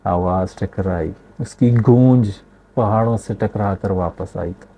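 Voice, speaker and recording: A man's voice: fairly low pitch, slow pace, dark tone. A man telling a moral story, speaking directly and unhurriedly to his listeners.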